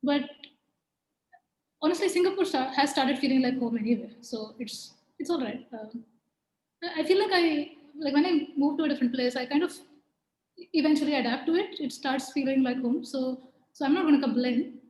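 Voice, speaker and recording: A woman, a guest in a casual interview, relaxed and laughing often. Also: high-pitched, normal speed, echoey room, low-quality recording. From India.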